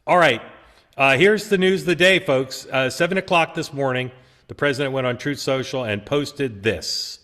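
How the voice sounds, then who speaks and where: With a fairly bright, mid-range voice at a moderate pace, this man steers a political talk show in a relaxed, easygoing manner. He poses questions to his co-hosts and guides the conversation, with frequent filler sounds.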